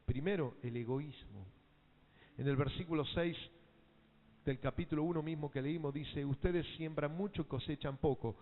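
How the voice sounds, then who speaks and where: A man's voice: on the high side, moderate pace. A man with an Argentine accent preaching a sermon to his congregation, asking them questions and having them repeat lines back. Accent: Argentine Spanish. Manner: emphatic call-and-response preaching. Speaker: pastor. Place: church hall. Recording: tinny phone-like sound in a reverberant hall.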